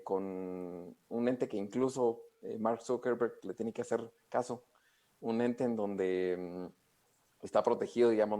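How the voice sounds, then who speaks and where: A man's voice: medium pitch, mellow. A man answering interview questions, explaining at length with frequent hesitations and fillers. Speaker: expert guest.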